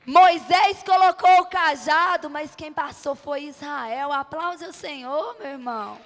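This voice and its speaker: Speaking at a measured pace in a high voice, a Brazilian woman preaches fervently and emphatically before a church congregation. Rhetorical questions and brief repeated phrases drive her message, and the sound carries the echo of an amplified hall.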